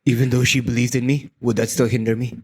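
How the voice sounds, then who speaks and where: Podcast host asking questions. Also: male voice, mid-range voice, flat delivery, fast, slightly rough. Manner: asks questions, reads prepared points. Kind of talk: casual podcast interview.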